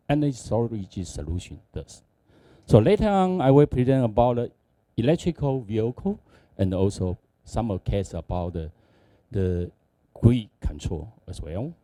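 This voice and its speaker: A man with a Taiwanese accent gives a conference presentation in halting, non-native English. His voice is low and soft-edged, with very animated intonation. The sound is dry and close. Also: no echo. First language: not English. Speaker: conference speaker, company executive.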